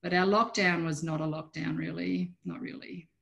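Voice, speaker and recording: A woman's voice: low voice, steady tone, moderate pace, vocal fry, a bit bright. A middle-aged Australian woman, an artist chatting informally in an interview, rambling and trailing off mid-sentence, on a video call from a room at home. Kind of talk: casual interview chat. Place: small room at home, indoors.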